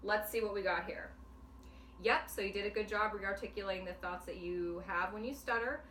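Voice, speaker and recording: A clinician leads a demonstration counseling session, calmly and patiently guiding a client through an exercise and explaining each step clearly. Her mid-range voice is brisk, and she's recorded from afar in an echoing room with faint background hiss.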